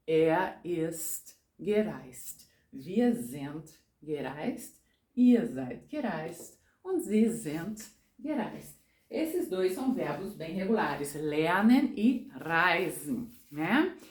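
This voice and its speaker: A woman's voice: lowish voice, darkish tone, roomy sound. A woman teaching German grammar, patiently spelling out verb endings and repeating little tag questions. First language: Portuguese. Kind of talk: explaining grammar to learners.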